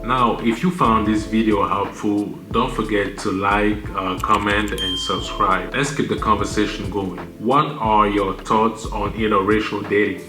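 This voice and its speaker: A man in his thirties from Cameroon, giving measured list-style advice to his channel audience with the odd filler. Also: on the low side, level tone. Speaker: channel host. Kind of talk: scripted commentary to camera. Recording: roomy echo with music bed.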